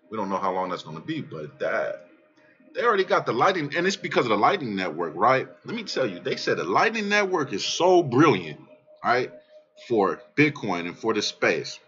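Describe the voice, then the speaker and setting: A man casually talking through his trading charts in a brash, profane, excitable way, often trailing off mid-sentence and restarting. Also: medium pitch, muffled recording. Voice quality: calls his own voice aggressive. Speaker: crypto trading vlogger. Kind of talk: casual rambling chart commentary.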